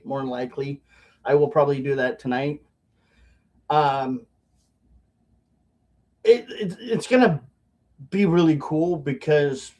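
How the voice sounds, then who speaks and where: A man records a casual vlog with a dip of chewing tobacco in his lip. He speaks slowly at an average pitch, rambling along with halting repeats as he addresses his viewers. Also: a little mellow. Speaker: video blogger.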